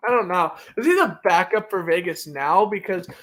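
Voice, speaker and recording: A man's voice: high-pitched, normal speed, a crowd in the background. A man hosting a sports show, calling hockey play-by-play and chatting casually with filler words and restarts.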